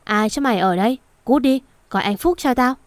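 Casting a woman as a spoiled rich girl, haughty and sharp-tongued, fairly high voice. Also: a little fast, no room sound, natural voice. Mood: shrill. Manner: haughty and rude.

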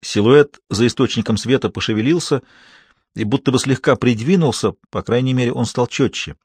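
Male audiobook narrator, mid-pitched, breathy husky tone, dry sound. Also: a little fast, darkish tone, no echo. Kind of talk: scripted narration.

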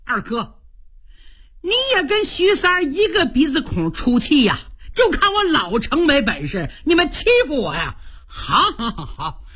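A woman's voice: high voice, very animated, heavily acted. A woman playing a blustering hot-tempered general. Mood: indignant. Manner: indignant, quick, loud complaining.

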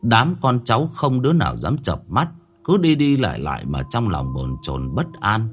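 A man narrating a horror story in a dramatic manner, slowing down at tense moments. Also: fairly low pitch, very animated, slightly rough.

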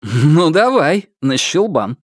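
A playful male detective, as the narrator voices him in an audiobook, ironic and teasing, sometimes breaking into song. His voice is lively and bends widely up and down. The recording is close and dry. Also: on the high side, slow pace, husky, dry recording, pitched above the performer's own voice, full character voice. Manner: ironic, joking, sometimes singing. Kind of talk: audiobook character voice.

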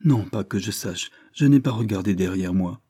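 Un homme incarne une jeune noble effrayée qui supplie et pleure, dans la lecture d'un roman. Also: male voice, fairly low pitch, normal speed, mellow, slightly rough, no room sound, clean studio sound. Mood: distraught, pleading. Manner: tearful, trembling pleading. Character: frightened young noblewoman, tearful and pleading. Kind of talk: audiobook character reading.

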